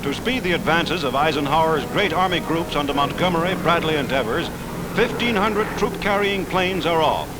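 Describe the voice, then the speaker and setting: A man's voice: fairly high pitch, expressive, normal speed, poor audio. A man narrating an old 1940s wartime newsreel in an urgent, declamatory voice. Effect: old wartime newsreel sound. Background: orchestral music.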